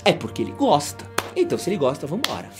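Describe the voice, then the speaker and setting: A young adult Brazilian man hosts a relationship-advice vlog in a blunt, slangy way, cursing without hesitation. His pitch leaps high and low as he talks. He speaks fast over faint background music. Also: wildly swooping pitch. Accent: Brazilian Portuguese. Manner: blunt, slangy, swears freely. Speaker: journalist and presenter.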